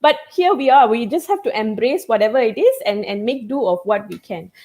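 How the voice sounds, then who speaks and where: Fairly high-pitched, mellow and animated, a woman whose native language is Tamil talks briskly as a communication trainer in a live online chat. Her instructive explanations are peppered with "okay?" and "all right?"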